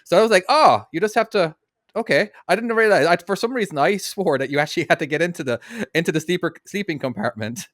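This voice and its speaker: Man, podcast co-host, rapid talker, dry close mic, casual storytelling. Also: fairly high pitch, no room sound. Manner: quick, animated storytelling with restarts. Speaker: podcast co-host, truck driver.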